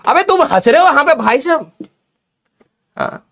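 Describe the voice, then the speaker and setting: A man's voice: very high voice, very animated, normal speed, creaky, fairly bright tone. A young adult male teacher chatting to his students in a casual, joking way, telling a story and slipping in English phrases. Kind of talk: casual storytelling in an online class.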